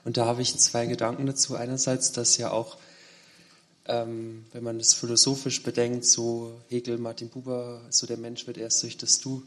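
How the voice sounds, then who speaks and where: A man in the audience of a lecture hall speaks in a strikingly flat, monotone voice. He builds a long, searching question with some fillers along the way. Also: mid-range voice, moderate pace. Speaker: audience member asking a question.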